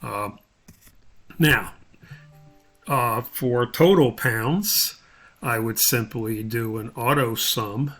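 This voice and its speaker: Faint music plays behind a man with a mid-range voice as he haltingly talks through an unscripted software tutorial, reasoning aloud step by step while he works.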